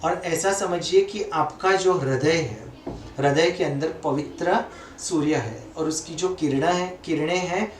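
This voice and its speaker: A man leads a guided meditation in a calm, gentle voice, drawing out each phrase and leaving long pauses. His voice sits a little high and moves very slowly. He sounds some distance from the mic in an echoey room. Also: a little hiss or hum. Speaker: meditation teacher.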